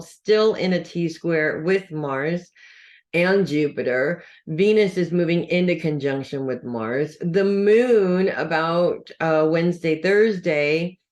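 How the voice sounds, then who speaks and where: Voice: mid-range voice, a little mellow. An astrologer reading weekly horoscopes in a casual, chatty way, checking in with listeners and dropping dry sarcastic asides.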